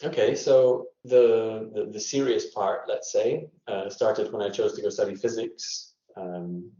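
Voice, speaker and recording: A Scottish scientist, a guest in a casual interview, tells his story thoughtfully, full of fillers and restarts. His voice is fairly low and warm, with fairly even intonation and a slightly slow pace, captured in an echoey room with dull lo-fi audio.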